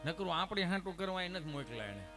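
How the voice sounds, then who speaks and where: A man telling comic folk stories to a live audience, full of lively anecdotes, acted dialogue and rhetorical asides. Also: sits high, fast, creaky, music in the background. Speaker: comic storyteller. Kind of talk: Gujarati folk humor storytelling to a live audience. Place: stage at an ashram program.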